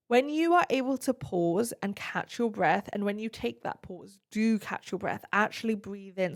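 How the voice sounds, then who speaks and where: A woman hosting an advice podcast, answering listener questions in an earnest, direct and reassuring way. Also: medium pitch.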